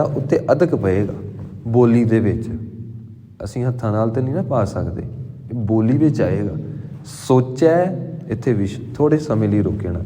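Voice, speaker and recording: A man preaching a scripture exposition sermon. He speaks as a deliberate teacher, intoning verses slowly and stressing syllables. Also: medium pitch, warm tone. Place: temple hall. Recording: long hall reverb.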